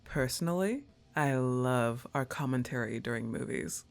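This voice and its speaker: In an intimate ASMR roleplay, a woman voices a relaxed, teasing young goth roommate chatting unhurriedly with her crush. Her voice is very deep, and the mood is soft, teasing and affectionate, with gentle music in the background.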